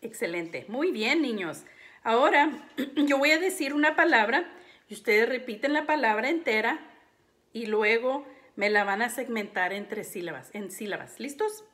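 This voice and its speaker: A woman teaching a phonics lesson to young children, saying words slowly and syllable by syllable, and often clearing her throat. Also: fairly high pitch, lively intonation, a bit bright. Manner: slow, deliberate, syllable-by-syllable delivery.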